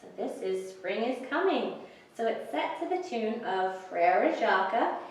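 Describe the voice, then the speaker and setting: A woman hosts a children's story time, introducing and reading picture books and singing along, using simple, encouraging phrases for young kids. Her voice is a little high, sing-song and unhurried. The recording sounds far from the mic in a very echoey room.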